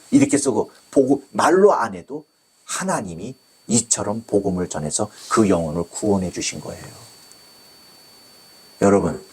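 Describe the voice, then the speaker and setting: Male pastor, sermon storytelling, husky edge, very lively pitch, acts out quotes. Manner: storytelling with acted quotes, exclaiming.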